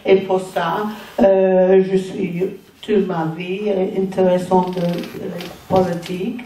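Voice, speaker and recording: An older woman, a native English speaker, speaks French with a clear English accent. She goes very slowly and haltingly, feeling for each word, in a soft-edged mellow voice. She is addressing a public meeting in a roomy space. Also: fairly low pitch, level tone. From England. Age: older, retired. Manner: halting, searching for words in non-native French. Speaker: audience member and former teacher. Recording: roomy, distant pickup with faint noise.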